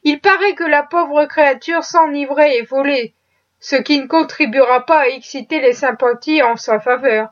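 A woman reading the lines of a weary, cynical gentleman with slow, world-weary reasoning. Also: high-pitched, lo-fi sound, natural voice. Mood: resigned.

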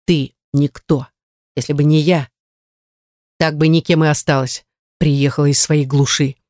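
A woman's voice: sits low, fairly even intonation, unhurried, darkish tone, dry recording, clean studio sound. A woman voicing a cold, contemptuous rich husband in an audiobook, speaking in curt, scornful lines.

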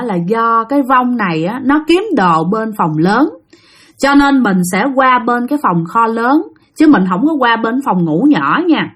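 A woman with a Southern Vietnamese accent telling a ghost story, chatting directly to her listeners. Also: fairly high pitch. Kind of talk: spoken ghost story narration.

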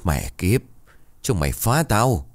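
A drunk, callous husband snarls rude and dismissive lines, as a male narrator voices him. His voice is low and deep, with lively swings in pitch. The sound is dry and close, with no room in it. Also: brisk, no room sound. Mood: scornful.

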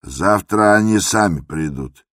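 A man voicing a rough, stern male hospital guard who speaks in curt, admonishing phrases, in a radio drama. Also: low-pitched, animated, a little slow, a bit bright, no room sound, studio quality, voice pushed up, full character voice.

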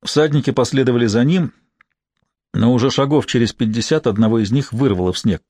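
A man narrating an audiobook in a measured, even storytelling manner. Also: medium pitch, no room sound, clean studio sound. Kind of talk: scripted narration.

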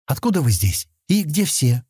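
A terse, suspicious space hunter fires off blunt questions, voiced by a man reading an audiobook. The tone is mellow with lively pitch, and the recording is dry and close. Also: moderate pace, slightly rough, dry recording, full character voice.

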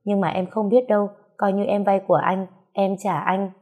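A woman's voice: mid-range voice, little pitch movement, moderate pace, phone-quality sound, lightly acted. A woman reading a story aloud, voicing a shy, anxious young woman who talks hesitantly. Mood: worried. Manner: hesitant, soft, stammering.

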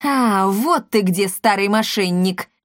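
A woman voicing an angry, greedy male cattle trader who shouts and blusters. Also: medium pitch, slow, dry recording, clean studio sound, close to an everyday voice. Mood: furious.

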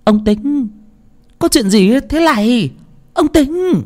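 Man putting on a shrill panicked village woman. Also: big pitch swings, slow, a little mellow, exaggerated voice. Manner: panicked, stammering, high and shrill. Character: frightened village woman and crying daughter.

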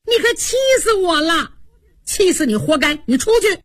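A woman voicing a quick-witted young maidservant, pert and sharp-tongued in a storytelling broadcast. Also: a little high, big pitch swings, slightly rough, no room sound, clean studio sound, heavily acted. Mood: indignant.

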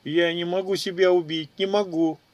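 A man voicing a terrified young woman held captive, shrill and sobbing. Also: steady tone, normal speed, a little mellow, no echo, lightly acted. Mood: tearful.

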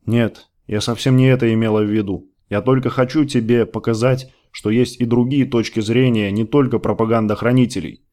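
A man reading the lines of a worried, loving woman who gently pleads with her lover in an audiobook. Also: mid-range voice, fairly even intonation, a little fast, hardly any pauses, close to an everyday voice. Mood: pleading.

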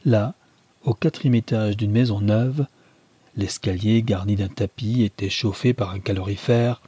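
Dark, husky man reading a novel. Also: lowish voice, steady tone, a little slow, no echo. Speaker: audiobook reader. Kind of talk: scripted narration.

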